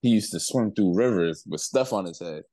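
A man's voice: low-pitched, expressive, normal speed, dark tone, dry recording. A young man co-hosting a podcast, telling stories in a laid-back, rambling way with plenty of slang. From outside the US. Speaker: podcast co-host. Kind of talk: casual chat.

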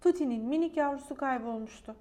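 Woman storyteller, high voice, gentle expressive read-aloud for kids. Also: fast. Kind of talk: children's story reading.

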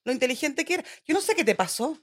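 She is a middle-aged Chilean woman who talks quickly in a bright, high voice. She chats with her family and acts out stories, even playing her own inner voice. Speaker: mother and co-host. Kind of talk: casual family chat.

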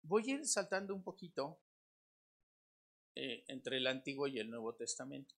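A Mexican pastor preaching a sermon to his congregation in a conversational way, swinging between loud emphatic lines and quiet low asides, asking questions and repeating words. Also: sing-song, moderate pace, vocal fry. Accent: Mexican Spanish.

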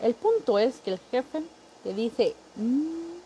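A Mexican woman hosting a podcast, joking casually and acting out coworkers in quick impressions. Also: fairly high pitch, sing-song, dark tone, highs cut off, slight background noise. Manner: chatty, jokey, acts out coworkers in quick impressions. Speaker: podcast host. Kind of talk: casual comedic monologue.

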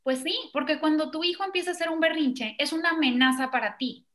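A woman explaining child tantrums in an animated way, acting out children and parents in quoted voices. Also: sits high, fast. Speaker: parenting expert. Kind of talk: explanatory conversation.

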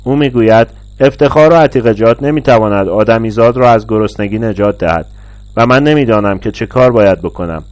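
A man's voice: on the low side, a little mellow, no echo, natural voice. A man reading a story aloud, speaking as a weary, troubled old retired man in a plaintive tone.

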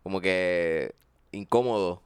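Clear-voiced Puerto Rican man, swearing casually. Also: sits low, slow pace, no room sound. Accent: Puerto Rican Spanish. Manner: swears freely, tells a long anecdote with acted quotes. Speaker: podcast co-host. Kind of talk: casual chat, storytelling.

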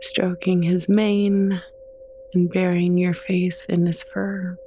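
A soft-spoken, gentle meditation guide reading slow, soothing scripted narration with unhurried pauses and a creaky edge. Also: mid-range voice, little pitch movement, a little hiss or hum.

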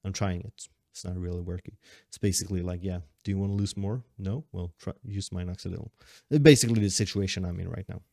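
A man's voice: low voice, steady tone, fast, creaky, mellow, no echo, clean studio sound. A man in his late twenties chatting casually on a solo podcast, rambling and correcting himself, often laughing. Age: 20s. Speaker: podcast host.

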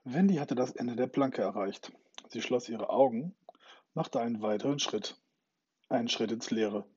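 Male storyteller, dramatic reading, husky, dull recording. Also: mid-range voice, moderate pace, a little mellow, no echo. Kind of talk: scripted narration of a children's story.

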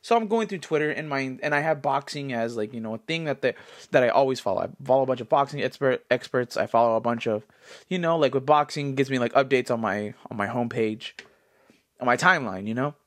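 A man in his twenties, congested, talking in a rambling, animated style full of fillers as a solo podcast host. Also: mid-range voice, fast talker. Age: 20s. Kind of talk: casual solo commentary.

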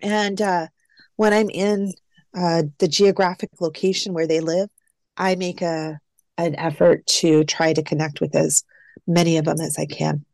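A woman's voice: fairly low pitch, little pitch movement, a little slow, vocal fry, darkish tone, dry recording. A woman who is an adoptee guest, reflectively telling her story in a casual interview and quoting past phone calls. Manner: reflective, retells phone calls with quoted dialogue.

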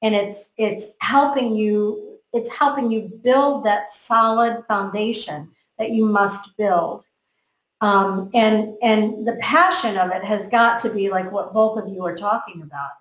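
A woman's voice: medium pitch, measured pace. Earnest American woman in echoey room. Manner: earnest, repeats words while thinking. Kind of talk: motivational group chat. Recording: roomy echo.

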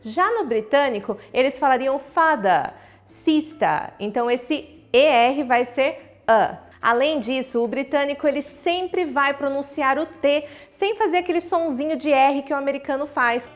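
A woman's voice: high-pitched, normal speed, few pauses. A Brazilian woman teaching English in a video lesson, speaking directly to the viewer and demonstrating English words, with a Brazilian Portuguese accent. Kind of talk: online video lesson with tips.

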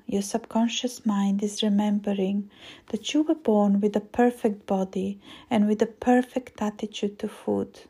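Woman, slow hypnotist voice for guided hypnosis; soft dark tone, husky breath, phrases fading to near-whisper. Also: medium pitch. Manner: slow, soothing hypnotist delivery with drawn-out pauses and repetition. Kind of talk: guided weight-loss hypnosis induction.

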